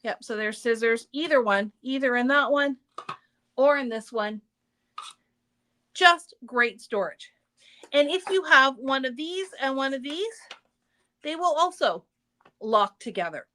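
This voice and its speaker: A woman's voice: high-pitched, expressive, unhurried, pauses often, bright, forceful tone. A woman hosting a craft store's live show, chatting casually and upbeat about products and store news. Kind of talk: casual livestream product chat.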